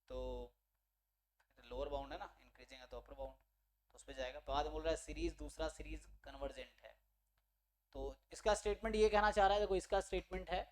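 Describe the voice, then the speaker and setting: In this online exam-prep maths lecture, an Indian man with a fairly high voice explains each step in turn, weaving English terms into his speech and checking that students are following. A little hiss or hum can be heard.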